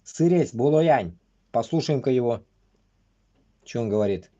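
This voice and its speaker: A man rambles on a livestream, swearing constantly and bluntly in halting, choppy phrases. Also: medium pitch, expressive, warm tone, lo-fi sound. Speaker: livestream host. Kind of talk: casual rambling live commentary.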